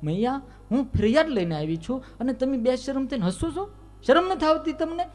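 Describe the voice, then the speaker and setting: A man preaching a devotional story, voicing an angry village aunt who is a shrill complainer. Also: a little slow, a bit bright, husky, in a large hall. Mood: indignant. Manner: shrill, scolding, indignant.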